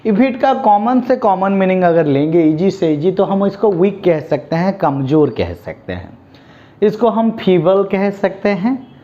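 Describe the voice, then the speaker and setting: Indian man drilling vocabulary, slow and high. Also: very animated, warm tone. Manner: drills words, asks the class to repeat them; mixes Hindi and English. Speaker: English vocabulary teacher. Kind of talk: spoken vocabulary lesson. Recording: dull lo-fi recording.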